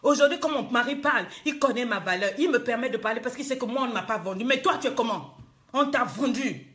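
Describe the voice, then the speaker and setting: A woman's voice: a little high, animated, fast, fairly bright tone. A woman life coach, scolding her viewers in a live-streamed motivational talk, emphatic and full of rhetorical questions.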